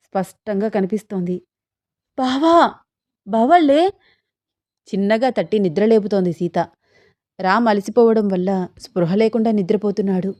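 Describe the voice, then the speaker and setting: A woman narrating a romantic story, voicing the dialogue of both lovers herself and lifting her pitch for the heroine. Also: mellow, no room sound.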